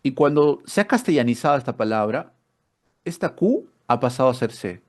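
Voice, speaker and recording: A man's voice: medium pitch, very animated, moderate pace, a little mellow. A man teaching an online spelling workshop, explaining step by step with rhetorical questions and repeated words.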